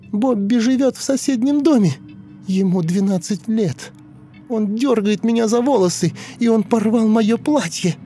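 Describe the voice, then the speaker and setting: A man voicing a grown woman regressed to a shrill, sobbing ten-year-old girl in a dramatic audiobook reading. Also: dark tone. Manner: high shrill childish wailing, pleading and vengeful.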